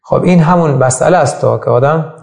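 A man delivers a religious lecture in a gravelly, fairly high voice. He keeps putting rhetorical questions to his listeners. The room around him is echoey. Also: a little mellow. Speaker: religious teacher.

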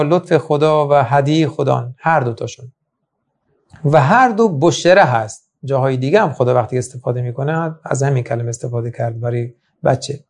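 Higher-voiced man giving Quran lecture. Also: darkish tone. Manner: emphatic, with rhetorical questions. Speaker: religious teacher.

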